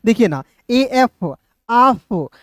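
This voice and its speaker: Guy teaching english reading, slow spelling out each letter, dry room. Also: very high-pitched, big pitch swings, no echo. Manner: slow, spells words letter by letter, asks "clear?". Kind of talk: reading lesson taught in Hindi.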